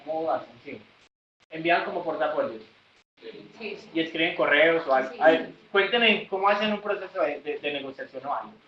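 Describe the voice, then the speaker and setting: A man leading a sales workshop, explaining and acting out customer calls in a lively manner. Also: a little high, a little fast, slight background noise. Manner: lively, acts out callers in raised voices. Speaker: sales trainer. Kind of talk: workshop lesson with acted examples. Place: training room. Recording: echoey room, distant dull mic.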